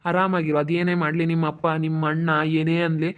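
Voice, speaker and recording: A young man with a central Karnataka Kannada accent talks quickly in a fairly high voice, reassuring and repeating himself. The sound is thin and tinny, like a phone line. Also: little pitch movement. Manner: reassuring, repetitive, soothing. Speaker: vlogger. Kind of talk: emotional couple conversation.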